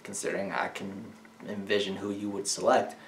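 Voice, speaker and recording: A young man with a fairly low voice trades sarcastic, teasing banter on a casual sports talk show. He swears freely and needles his co-host. The sound is roomy and echoey. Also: little pitch movement, fairly quick, recorded from a distance, a little hiss or hum. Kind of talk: casual chat.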